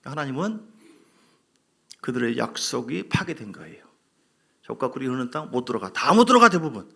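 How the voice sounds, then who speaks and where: A man's voice: mid-range voice, sing-song, brisk, creaky, sharp tone, slightly rough. A middle-aged man, preaching emphatically as pastor and acting out quoted voices with sighs. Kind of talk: sermon.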